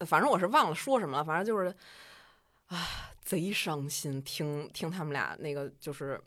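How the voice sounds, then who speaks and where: A woman with a Beijing accent telling a personal story in a chatty, colloquial and animated way. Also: low-pitched, moderate pace.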